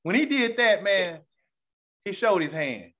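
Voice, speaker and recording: A male podcast guest talking in an animated, incredulous, teasing way in casual conversation. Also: high-pitched, unhurried, lo-fi sound.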